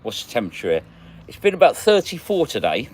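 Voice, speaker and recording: A man's voice: medium pitch, huge pitch swings, fast talker, slight background noise. A man hosting a casual livestream, chatting and greeting viewers by name as he reads their comments. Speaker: magnet fishing livestream host.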